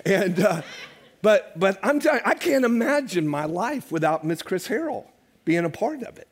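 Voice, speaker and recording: A man's voice: high-pitched, very animated, moderate pace. An older man preaching a sermon as pastor to his church, conversational and joking with the congregation. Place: church sanctuary.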